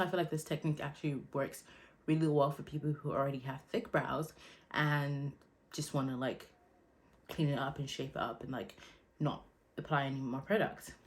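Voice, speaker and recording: A young woman chatting casually through a makeup tutorial, relaxed and loose, with lots of fillers. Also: rumbling low. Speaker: beauty vlogger.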